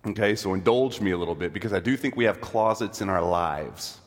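Sick, hoarse male pastor preaching. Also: sits low, fairly quick, in a large hall. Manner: self-deprecating, conversational preaching. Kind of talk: sermon.

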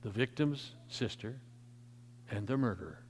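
A man's voice: medium pitch, animated, measured pace, slight background noise. Man preaching in an echoing church. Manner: emphatic preaching that swells in volume, then drops to soft. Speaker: pastor. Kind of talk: sermon. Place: church sanctuary. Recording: long church reverb.

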